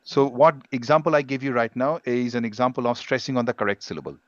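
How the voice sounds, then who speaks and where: A man's voice: mid-range voice, no echo. Guy teaching english on a video call, patient, lots of examples, bit muffled. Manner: patient, explains slowly with examples. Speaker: English pronunciation trainer. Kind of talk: online class teaching.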